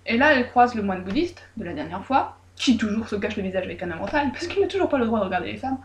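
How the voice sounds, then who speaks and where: A woman's voice: medium pitch, fast, slight background noise. Joking woman retelling a folk tale. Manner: lively, joking, irreverent asides. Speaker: storyteller. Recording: roomy echo.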